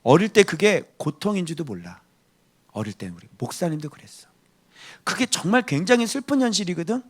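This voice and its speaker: A middle-aged male pastor preaching a sermon, emphatic, swinging between loud outbursts and hushed asides. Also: sits high, big pitch swings, a little fast, breathy edge.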